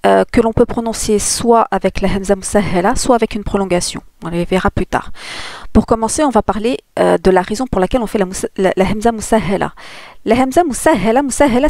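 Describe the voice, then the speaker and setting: A woman's voice: mid-range voice, fairly quick, darkish tone, no echo. A woman teaching a spoken lesson, explaining step by step and demonstrating sounds. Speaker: tajwid teacher.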